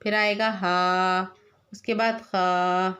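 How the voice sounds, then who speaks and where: A woman's voice: mid-range voice, fairly even intonation, drawn-out words, a bit bright. A woman teacher patiently spelling out letters one by one for young children and quizzing them as she goes. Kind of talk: slow classroom lesson.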